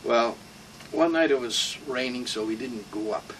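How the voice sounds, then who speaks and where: Elderly American veteran reminiscing, distant mic. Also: male voice, medium pitch, unhurried, a bit bright. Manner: old veteran remembering, rambling anecdotes with salty asides. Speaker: war veteran being interviewed. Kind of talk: informal oral-history reminiscence. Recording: distant mic with room hum.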